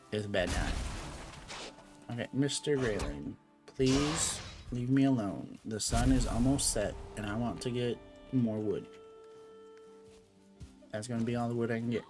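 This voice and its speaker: A young man streaming a game, chatting casually and playfully, answering his chat as he goes. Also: lowish voice.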